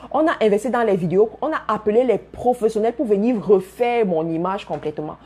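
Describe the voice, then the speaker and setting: A business coach with a fairly high, dark-toned voice delivers a motivational talk to her followers. She speaks emphatically, repeats key phrases, and addresses listeners directly.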